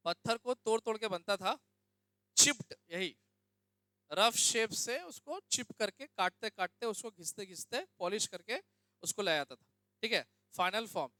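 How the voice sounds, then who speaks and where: A man's voice: high voice, lively intonation, moderate pace, sharp tone, no room sound. A young male teacher giving a classroom lecture, often asking students questions and checking that they understand. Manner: questions students, addresses them as beta.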